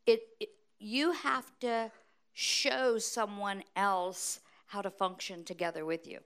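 A middle-aged American woman preaching at a conference in short, deliberate phrases, pausing for an interpreter. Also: mid-range voice, steady tone, clean tone. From United States. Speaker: guest preacher.

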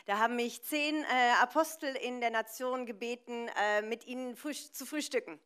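A woman's voice: fairly high pitch, moderate pace, a bit bright, clear, resonant tone. A woman interpreting a preacher live, phrase by phrase, in a consecutive style.

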